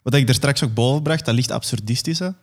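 A man's voice: medium pitch, fairly quick. A young man performing a grandiose, absurdist dramatic monologue.

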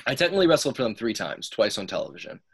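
A man in his twenties, a pro wrestler guest on a podcast, telling stories in a lively way and acting out what other people said in raised voices. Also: mid-range voice, racing, creaky, breathy edge. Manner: animated, acts out quoted people in raised voices. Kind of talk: casual storytelling.

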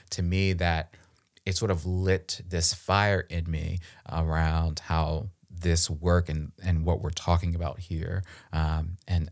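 Man, very low voice, podcast co-host, earnest and reflective, lots of restarts and fillers. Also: darkish tone. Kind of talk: casual conversational discussion.

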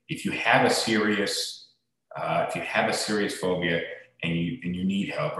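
A man co-hosting a podcast in casual chat, emphatic and swearing, recorded in an empty room that echoes like a cave. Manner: emphatic, swears, jumps between pitches. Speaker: podcast co-host. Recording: heavy cave-like room echo.

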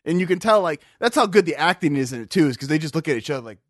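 A man's voice: fairly high pitch, lively intonation, racing, no echo, studio quality. A man co-hosting a podcast, rambling and swearing in casual chat, a bit drunk, with lots of restarts. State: tipsy. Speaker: podcast co-host.

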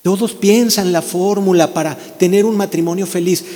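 A pastor preaching a sermon, who acts out quarrels between spouses and relatives in quoted voices. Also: male voice, sits high, fairly even intonation, moderate pace, dark tone, in a large hall.

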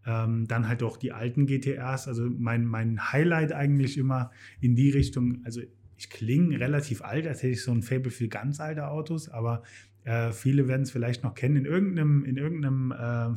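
A man's voice: mid-range voice, steady tone, moderate pace, darkish tone. Hesitant man musing about cars. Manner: hesitant, filler-heavy musing. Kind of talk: casual chat.

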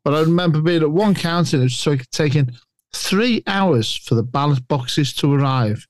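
A man's voice: fairly high pitch, moderate pace, no room sound. A man co-hosting a chat show, grumbling sarcastically in a casual way. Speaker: podcast co-host.

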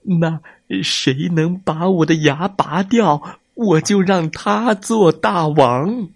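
A man's voice: on the high side, takes it slowly, gravelly, husky, no echo, clean studio sound, voice pushed up, exaggerated voice. A man voicing a greedy, gullible big male tiger in a children's story, whiny and naive. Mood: whining in pain.

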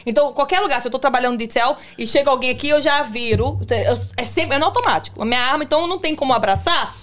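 A woman's voice: sits high, a bit bright. A woman, a police officer, telling stories on a podcast in a chatty way, often checking that her listeners follow. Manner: rapid, chatty, keeps asking "you understand?". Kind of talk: casual podcast storytelling.

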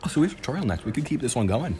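A man's voice: mid-range voice, sing-song, racing, over music. A man co-hosting a casual podcast chat at school over lunch, teasing and joking. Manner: teasing, jokey. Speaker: co-host. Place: school during lunch break.

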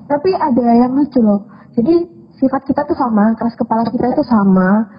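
A woman's voice: a little high, a little fast, slightly rough. A young woman with an East Javanese accent, chatting casually and telling a story full of quoted dialogue. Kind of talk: casual chat. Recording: dull lo-fi sound, faint noise.

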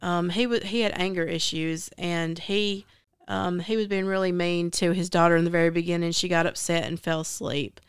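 Smooth-voiced Southern woman chatting. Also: lowish voice, fairly even intonation, normal speed, dry recording, studio quality. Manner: rambling retelling with many fillers. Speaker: podcast host. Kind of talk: casual book chat.

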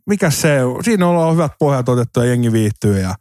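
A man chatting casually in a podcast, telling lively fan stories with sudden jumps in pitch, mimicking people and swearing now and then. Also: no echo. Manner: animated, swears, mimics others in anecdotes. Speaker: podcast co-host. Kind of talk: casual storytelling chat.

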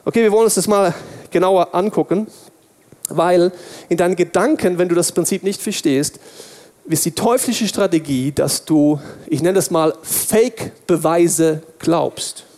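A man preaching a sermon, asking and answering his own questions, swinging between loud bursts and hushed lines. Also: high voice, measured pace.

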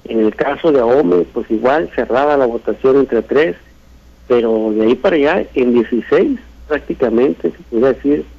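Northern Mexican man, dull radio sound. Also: medium pitch. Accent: northern Mexican, Sinaloan. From Sinaloa, Mexico. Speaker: political analyst on radio. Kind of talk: live election commentary.

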